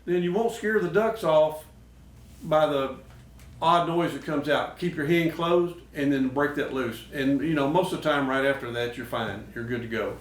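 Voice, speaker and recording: A man's voice: a little high, normal speed. A man hosting a show, giving casual, instructional talk. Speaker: host of a duck call show. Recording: echoey noisy room, distant mic.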